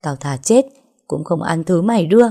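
A woman's voice: sits low, animated, moderate pace, creaky, warm tone, breathy edge, exaggerated voice. A woman voicing a weakened, furious young woman who curses with hostility. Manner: cursing, hostile.

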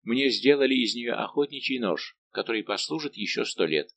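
A man reading aloud voicing a lively, bantering middle-aged musketeer captain. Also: medium pitch, moderate pace, vocal fry. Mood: persuasive. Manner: warm, bantering and persuasive.

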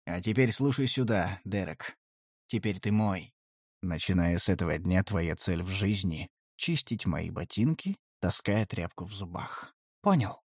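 A menacing young half-elf snarls his threats in a low, hissing growl, as a male audiobook reader puts him on. The voice sits well below the reader's own, close and dry with no room sound. Storybook villain-turned-victor energy. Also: normal speed, slightly rough, no echo.

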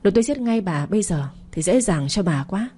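A woman's voice: medium pitch, animated, a little fast, mellow, breathy edge. A woman narrator voicing a cold, vengeful young woman who declaims her threats steadily in a storytelling audio drama. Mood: bitter.

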